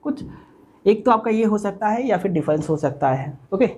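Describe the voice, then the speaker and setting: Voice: medium pitch, animated, moderate pace, darkish tone, slightly rough. A teacher giving a recorded online physics lecture, explaining step by step, repeating key points and checking in often with "okay". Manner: repeats points and mixes in English technical terms.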